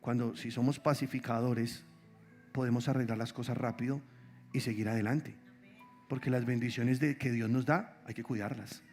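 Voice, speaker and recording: A man preaching a sermon as pastor, conversational and animated, asking the congregation many rhetorical questions. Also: mid-range voice, moderate pace, soft background music. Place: church.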